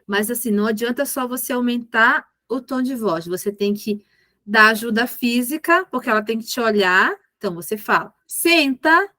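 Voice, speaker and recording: A woman's voice: on the high side, moderate pace, sharp tone, no echo. Woman mentor explaining patiently. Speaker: ABA mentor.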